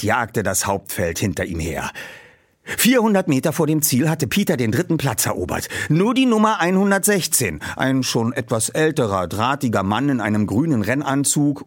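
Husky male audiobook narrator, lively. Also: medium pitch. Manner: lively, tense storytelling.

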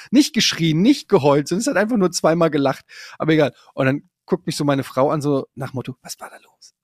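A man in casual podcast conversation, telling a story in a lively way, circling back and restarting his sentences as he talks himself into a temper. His voice sits at an ordinary male pitch and is recorded close on a mic in a dry room with no echo. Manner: animated anecdote-telling, many restarts and fillers; gets worked up while recounting. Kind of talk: casual chat.

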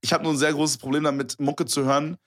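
A man's voice: on the high side, little pitch movement, fast. A man co-hosting a casual podcast, laid-back and teasing, laughing often at his partner. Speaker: podcast co-host.

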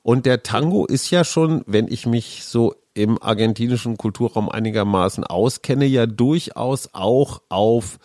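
A man's voice: medium pitch, measured pace, few pauses, a little mellow, no echo, studio quality. Jokey man hosting a podcast. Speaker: podcast host. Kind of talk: casual podcast chat.

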